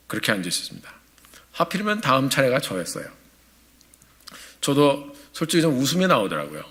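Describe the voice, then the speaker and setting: A male pastor in his forties preaching a sermon in a church, telling a story in a lively, animated way. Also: mid-range voice. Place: church sanctuary.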